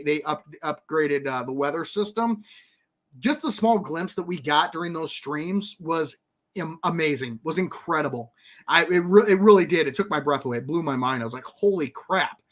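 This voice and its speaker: A man hosting a live stream, reading game patch notes and rambling through them with lots of fillers, restarts and excited asides. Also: on the high side. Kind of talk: casual commentary.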